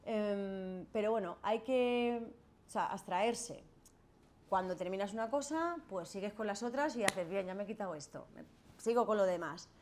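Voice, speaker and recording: A woman's voice: mid-range voice, normal speed. Brief: middle-aged Spanish woman, lawyer lecturing a class, conversational, faint room noise. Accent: Spanish from Spain. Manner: chatty, asks "¿vale?" and "¿no?" often, acts out quoted voices. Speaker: lawyer giving a masterclass. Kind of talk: lecture to students with Q&A.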